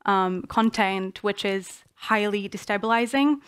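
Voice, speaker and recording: A woman's voice: medium pitch, unhurried, fairly bright tone, smooth, no room sound, clean studio sound. A young woman from the Czech Republic, a student presenting her idea on a panel, speaking earnestly with many fillers and restarts.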